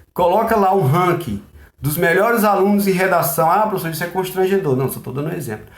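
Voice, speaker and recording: A man's voice: high-pitched, echoey room. A Brazilian man teaching a recorded class in a conversational way, asking and answering his own questions.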